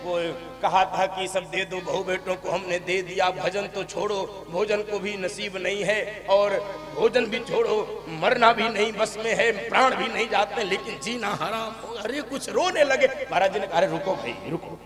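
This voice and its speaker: A man giving devotional katha storytelling, lively and laughing as he acts out an old couple and their family in different voices. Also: high-pitched, unhurried, few pauses. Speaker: religious storyteller. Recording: echoey hall with music behind.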